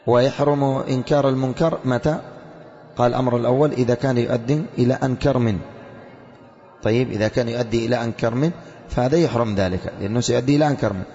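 A man teaching a religious creed text to students, reading passages slowly and then explaining them, asking rhetorical questions and answering them himself. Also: mid-range voice, a little mellow. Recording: lo-fi with long reverb in a hall.

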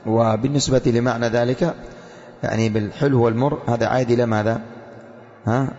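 This teacher of a religious creed text has a mid-range, darkish voice with fairly even intonation. He reads slowly, explains each passage, and answers his own rhetorical questions, all in a lo-fi recording with long reverb from a hall.

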